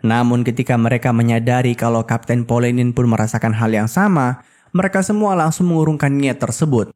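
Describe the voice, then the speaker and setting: A man's voice: medium pitch, a little fast, a little mellow. A man narrating a film's plot as scripted storytelling with casual asides. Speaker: film recap narrator.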